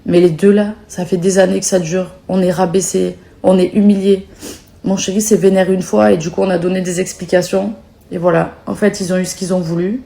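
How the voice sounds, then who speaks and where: A woman's voice: lowish voice, little pitch movement, fairly quick, gravelly, mellow. A young woman vlogging to her followers, exhausted and emotional, pleading in exasperation. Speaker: social media personality.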